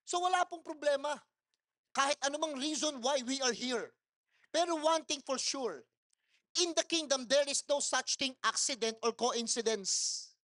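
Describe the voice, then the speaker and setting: A male pastor preaching a sermon at a church service in a mall, telling personal stories in a deliberately loud voice, slipping in English phrases and laughing often. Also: very high voice. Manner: storytelling, mixing in English phrases.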